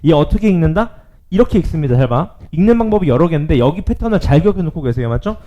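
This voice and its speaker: A male math teacher giving a lively classroom lecture, often checking in with his students. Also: a little high, quick pace, lo-fi sound.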